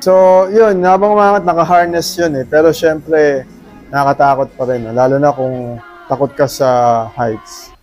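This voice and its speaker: A man's voice: on the high side, steady tone, normal speed, a little mellow, soft background music. A middle-aged man from the Philippines, recapping a concert in a chatty casual vlog, often tagging his sentences with questions. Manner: chatty, frequent tag questions. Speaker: vlogger.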